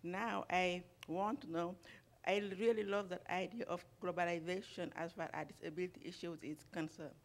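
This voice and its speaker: A man from Senegal asking a question from the audience in a lecture hall, halting and repeating words as he searches. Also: high-pitched, fairly even intonation.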